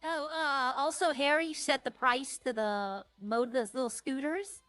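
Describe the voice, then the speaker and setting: A woman with a fairly high voice streams a game, chatting in a loose, informal way. She rambles along as she talks to her viewers. The sound is slightly dry, with music playing underneath. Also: unhurried, a bit bright, no room sound.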